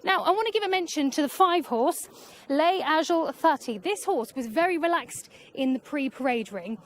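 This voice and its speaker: A woman's voice: high-pitched, lively intonation, normal speed. A woman reporting live from a racecourse parade ring, chatting through her views on the horses as they walk past, a little out of breath. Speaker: paddock reporter.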